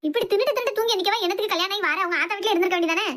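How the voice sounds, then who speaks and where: Speaking very fast in a fairly bright voice, a woman plays a self-pitying, scolding older mother-in-law in a cartoon. She uses a Thoothukudi Tamil accent and a wailing, shrill, nagging delivery full of complaints.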